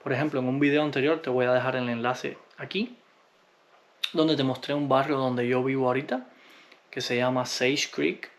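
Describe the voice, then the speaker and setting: A man from Cuba, answering viewer comments in a relaxed, unhurried vlog, often pausing with hesitations. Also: medium pitch. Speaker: vlogger.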